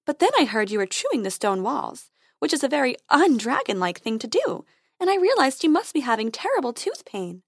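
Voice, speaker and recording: A woman voicing a cheerful female tooth fairy dentist who talks in a brisk, chirpy way. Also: high-pitched, big pitch swings, slightly rough, no echo, studio quality, heavily acted.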